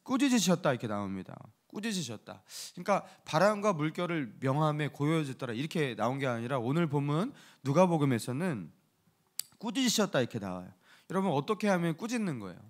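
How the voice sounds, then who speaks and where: A male pastor delivering a sermon in a church with a lively, animated voice that swings widely in pitch. He pitches a little higher than most men and acts out quoted lines with bursts of energy. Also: brisk. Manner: lively, animated preaching with laughs and acted-out quotes. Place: church sanctuary.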